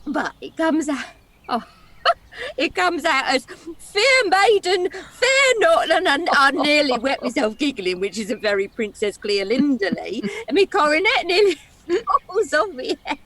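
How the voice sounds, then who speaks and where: A woman's voice: sits high, very animated, a little slow, fairly bright tone, heavily acted. A woman playing a theatrical, chatty princess who tells her story dramatically and fondly in a stage comedy. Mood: giggly, excited. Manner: dramatic, giggly, wistful storyteller. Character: theatrical, chatty princess, fond companion of a dragon.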